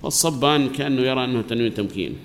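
A man's voice: medium pitch, rapid-fire, gravelly. A man teaching a grammar lesson to a class, explaining patiently and asking questions that he then answers himself. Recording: long hall reverb, faint background noise.

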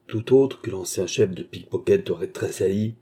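This male audiobook narrator delivers scripted narration in a low, very dark, mellow voice that stays husky throughout. His storytelling is steady and measured.

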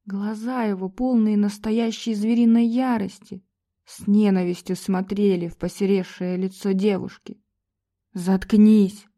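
Female audiobook narrator, mid pitch, mellow and warm, measured and tense delivery. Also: little pitch movement.

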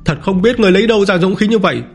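A man voicing an arrogant young martial-arts villain who boasts and shouts in a raised, strained voice. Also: high-pitched, brisk, soft background music, voice pushed up.

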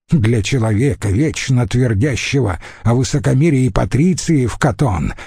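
Guy reading as a young roman tribune, bold and commanding, slow and weighty. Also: a little high, creaky, warm tone, slightly rough, no room sound, clean studio sound, voice pushed up, exaggerated voice.

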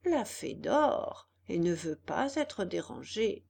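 A woman voicing a calm, kindly female snail who speaks in a drawn-out, unhurried way. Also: mid-range voice, creaky, full character voice. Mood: placid.

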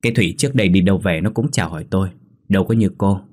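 A man's voice: low voice, racing. A man voicing a harsh, scolding elderly mother-in-law who nags and sneers in a storybook ghost tale. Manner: sharp, nagging and contemptuous.

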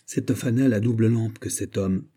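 A man's voice: lowish voice, normal speed, mellow, natural voice. A man reading an audiobook voices a young English lord, a witty courtier with a courtly, ironic delivery.

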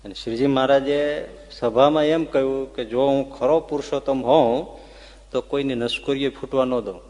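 A man's voice: medium pitch, fairly even intonation, normal speed. Man preaching a story in a reverberant hall. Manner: tells the story with emotional rises and soft dips. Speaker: religious storyteller. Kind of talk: devotional sermon storytelling. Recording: long reverb of a large hall.

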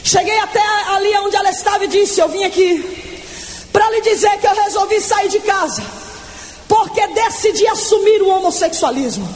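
Preaching her testimony with fervor, a woman in her 20s shouts through an evangelical sermon and stretches words to drive them home. She speaks at a normal speed in a very high voice, with faint music behind her.

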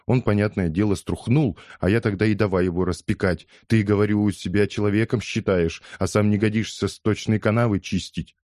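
A man's voice: lowish voice, steady tone, a little fast, few pauses, darkish tone, no echo, clean studio sound, pitched above the performer's own voice, close to an everyday voice. A man voicing an indignant older woman who scolds and rambles in an audiobook. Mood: outraged. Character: indignant older woman, loud gossiping mother. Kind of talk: audiobook character voice.

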